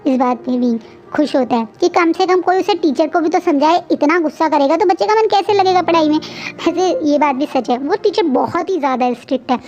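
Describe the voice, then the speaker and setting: A woman's voice: high voice, a little mellow. A woman casually retelling a fan fiction story, chatty and restarting her sentences often. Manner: chatty, frequent restarts and fillers.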